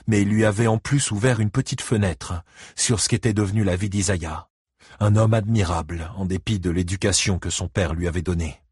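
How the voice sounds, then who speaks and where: A man narrating a novel as an audiobook, in steady storytelling. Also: low voice, husky, no room sound, clean studio sound.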